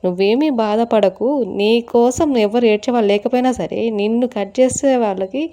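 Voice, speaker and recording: A benevolent god speaks gently to comfort a sad onion. A woman voices him while telling the tale, keeping a mellow, soothing tone. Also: on the high side, fairly quick, lightly acted. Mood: reassuring.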